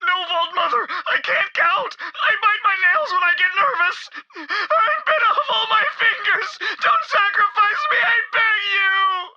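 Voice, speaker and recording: An actor playing a frantic bandit cultist in a video game, shrieking, pleading and sobbing. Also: male voice, extremely high pitch, sing-song, slow, creaky, highs cut off, noisy background, exaggerated voice. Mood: hysterical.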